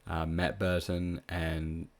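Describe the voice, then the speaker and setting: A man with a nasal voice from being a bit sick, talking through fantasy tips in a relaxed, casual way with plenty of ums. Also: low-pitched, takes it slowly. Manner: relaxed, with frequent ums and restarts. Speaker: fantasy football tipster. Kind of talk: casual solo analysis.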